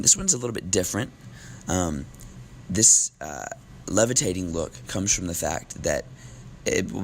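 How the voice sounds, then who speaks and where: This recorded classroom lesson features a male teacher who is losing his voice, his deep tone turning gravelly. He stays casual and relaxed, dropping frequent ums, with a faint hiss or hum in the background.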